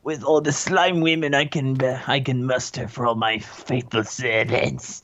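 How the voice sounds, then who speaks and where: A man voicing a gloating, megalomaniac giant slime monster in a game hangout, slow and boastful. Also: mid-range voice, fairly even intonation, a bit bright, slight background noise, close to an everyday voice. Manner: slow, gravelly villain boasting. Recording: dull lo-fi mic.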